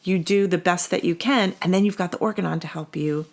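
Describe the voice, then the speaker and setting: A woman co-hosting a podcast, chatting in an animated way and laughing easily. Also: fairly low pitch, brisk. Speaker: podcast co-host. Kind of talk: casual conversational podcast chat.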